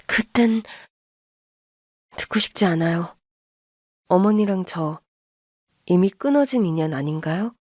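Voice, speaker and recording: A woman's voice: fairly low pitch, measured pace, long pauses, darkish tone, no echo, clean studio sound. A woman voicing a middle-aged mother who speaks coldly and bursts into anger. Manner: cold, then furious outbursts.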